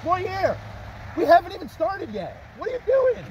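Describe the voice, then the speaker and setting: A man's voice: very high-pitched, huge pitch swings, moderate pace, darkish tone, a little hiss or hum, low-quality recording. A man in his thirties hosting a drinks channel, joking and teasing his co-host. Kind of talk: casual chat. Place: outdoors by a building, then small distillery room.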